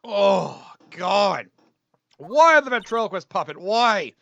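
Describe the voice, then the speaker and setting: A man's voice: sits high, big pitch swings, slow, gravelly, fairly bright tone, lo-fi sound. Man doing a game read-through. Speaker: let's play host.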